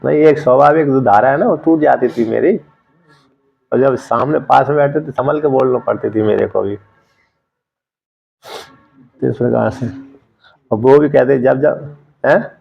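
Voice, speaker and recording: A man lecturing on a Sanskrit text, explaining terms and repeating words slowly to drill their pronunciation. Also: medium pitch, creaky, darkish tone, highs cut off. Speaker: Sanskrit scripture teacher.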